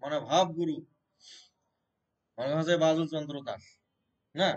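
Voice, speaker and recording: A man's voice: a little high, moderate pace, highs cut off. A man teaching a devotional scripture class in a temple, explaining point by point and often checking with his listeners. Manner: explains by questioning listeners, repeats and restarts. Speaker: Gita teacher. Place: Shiva temple gathering.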